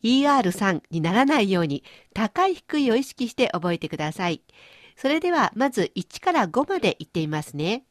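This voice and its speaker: Big pitch swings mark this woman's mid-range voice, and she talks a little fast. Hosting a radio-style language lesson, the teacher explains pronunciation with playful everyday images. No echo, studio quality.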